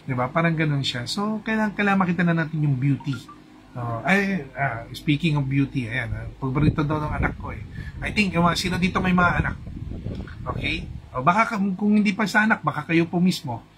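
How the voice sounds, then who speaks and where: A chatty Filipino-accented man coaching an audience on feng shui in a loose, casual live talk. His voice sits a little high for a man. A faint hum of room noise runs behind him. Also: expressive, a little fast. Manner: chatty, mixes in English, asks "di ba?" often.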